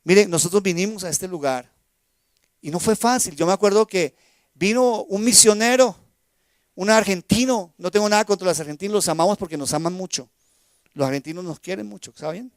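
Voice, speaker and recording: A male pastor delivers a sermon in a fairly high voice, captured close and dry with little room sound. He swings from loud, emphatic lines to quiet asides and keeps asking the congregation questions. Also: a little fast, no echo. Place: church sanctuary.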